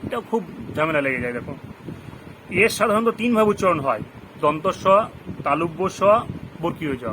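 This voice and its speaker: A man gives a pronunciation lesson in a slightly raised voice, going over each rule twice and listing example words. He stops now and then to quiz his students. A steady hum of background noise runs under the recording. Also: a little high. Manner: repeats rules slowly, gives word examples with meanings; asks the listeners questions. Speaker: English pronunciation teacher. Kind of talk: classroom lesson in Bengali.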